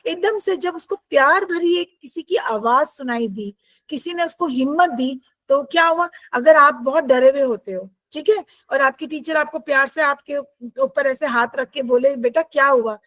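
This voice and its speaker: A woman teacher, reading English lines slowly and explaining them in Hindi with questions to her students. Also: high-pitched, a bit bright, no room sound, low-quality recording. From India.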